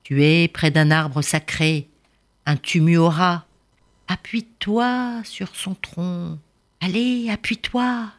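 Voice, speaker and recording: A grave old spirit father speaks slowly and solemnly in a storybook tale, as a woman narrator puts him on. His voice lands with loud weight and lively swings of pitch. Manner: slow, solemn, commanding.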